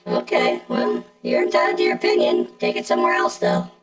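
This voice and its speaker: A middle-aged game streamer talking through a robot voice effect, chatting casually and answering viewers bluntly. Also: a little fast. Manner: blunt, talks back to chat. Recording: echoey room with game music.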